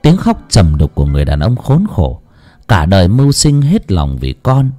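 A man narrating a village horror story in an expressive, dramatic way, dropping to hushed lows and rising for emphasis. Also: normal speed, soft background music. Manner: expressive, swings between hushed low and raised tones.

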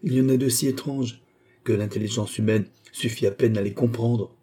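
A man's voice: medium pitch, fairly even intonation, moderate pace, warm tone, slightly rough, close to an everyday voice. A man reading an audiobook, voicing a suave male police chief who speaks with polite, smug deference.

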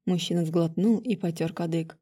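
A woman reading a fantasy audiobook aloud with expressive narration. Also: lowish voice, moderate pace, husky.

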